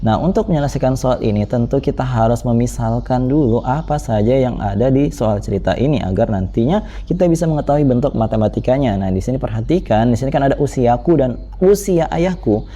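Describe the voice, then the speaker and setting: A man, explaining olympiad math problems step by step as a tutor, in a brisk manner with frequent fillers. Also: mid-range voice, lively intonation, mellow. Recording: dull lo-fi voice recording.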